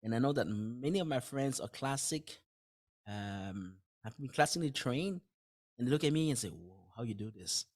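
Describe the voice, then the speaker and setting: A French-speaking dentist and author appears as a podcast guest, chatting casually in simple words, thinking aloud, restarting phrases often and laughing lightly. His voice is medium in pitch, animated, a little mellow, and moves at normal speed.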